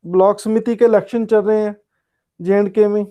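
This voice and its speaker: Mellow-voiced male teacher. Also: high-pitched, little pitch movement, normal speed. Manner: casual, repeats "ठीक है" and "हाँ जी" often. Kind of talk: online polity lecture answering student chat.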